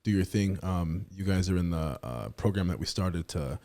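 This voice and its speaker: Laid-back low-voiced podcast host. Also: male voice, normal speed, warm tone. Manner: upbeat, loose, swears casually. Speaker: podcast host, real estate team lead. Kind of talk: casual interview chat. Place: podcast studio.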